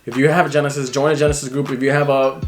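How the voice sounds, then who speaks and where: A young man excitedly talking through his car build in a casual vlog, rambling and swearing often. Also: medium pitch, rapid-fire. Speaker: car vlogger.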